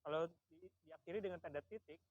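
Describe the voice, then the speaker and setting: Man questioning a class, slow and deliberate. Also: a little high, steady tone, darkish tone, no room sound, dull audio. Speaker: lecturer. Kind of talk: classroom discussion.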